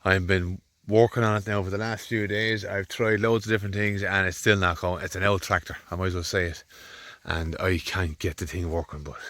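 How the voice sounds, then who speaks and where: This Irish farmer's casual vlog, shot on a handheld phone in a rainy field, is full of rambling and grumbling. He has a low, flat delivery, speaks fairly quickly with few pauses, and sounds fairly bright in a dry recording.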